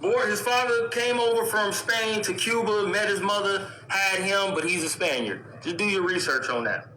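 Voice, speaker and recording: A man's voice: high voice, moderate pace, roomy sound, noisy background. A man giving casual religious commentary on a news report, with emphatic, preachy rhetorical questions.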